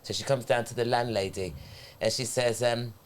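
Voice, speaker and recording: A man's voice: medium pitch, moderate pace, slight background noise. A man in a casual chat, telling stories expressively. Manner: expressive storyteller who acts out quotes.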